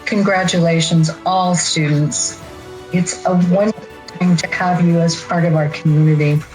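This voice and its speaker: A woman presenting at an awards ceremony, giving a formal introduction of the next chapter president with measured, deliberate phrasing. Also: fairly low pitch, poor audio.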